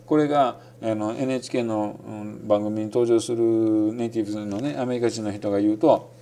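A man with a Kansai Japanese accent giving a relaxed, rambling spoken lesson on learning English, full of fillers and with English phrases mixed in. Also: on the low side, a little fast. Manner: demonstrates English phrases in between. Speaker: English-learning podcast host.

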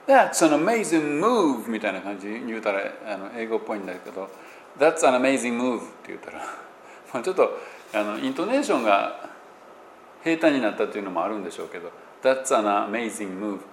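A man's voice: fairly low pitch, fast. Kansai man explaining pronunciation. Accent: Kansai Japanese. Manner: explains with examples, many fillers, lively. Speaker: English pronunciation teacher. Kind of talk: casual spoken explanation. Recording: echoey room with faint background noise.

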